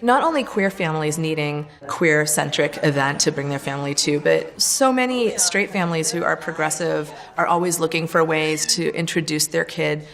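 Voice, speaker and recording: A middle-aged woman speaks casually in an interview about her work. Her voice is quite low for a woman. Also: moderate pace, hardly any pauses, a bit bright. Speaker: story hour founder.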